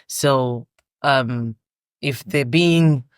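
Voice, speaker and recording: A woman's voice: very deep voice, very slow, clean tone, no echo, studio quality. A woman caterer, a guest on a chat show, speaking firmly and plainly about how she runs her business. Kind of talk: casual interview chat.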